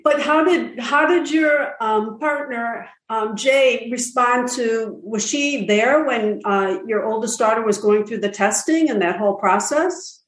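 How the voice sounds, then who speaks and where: A woman hosts a podcast interview in a fairly high voice. She asks hesitant questions and murmurs along as her guest talks. Her voice carries the echo of a roomy space. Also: unhurried, hardly any pauses. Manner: attentive, with soft backchannel murmurs and hesitant questions. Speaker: podcast host. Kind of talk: interview conversation.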